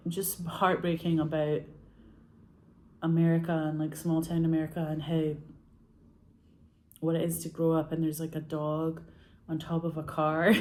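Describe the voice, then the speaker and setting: This is a low-pitched, darkish female voice belonging to a Scottish actress-filmmaker. Chatting casually, she rambles through anecdotes, laughs a lot and leans heavily on the word "like."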